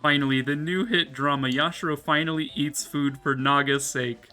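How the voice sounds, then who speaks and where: Male streamer, bright and fairly high-pitched, casual jokey commentary on a game, music behind. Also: steady tone, moderate pace. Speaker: gaming streamer.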